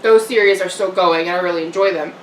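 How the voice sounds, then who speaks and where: A young woman eats on camera in a home room, rambling casually for her vlog with fillers and little laughs. She speaks fast in a fairly low voice with fairly even intonation. The recording echoes, the mic is a bit distant, and a little hiss or hum runs underneath.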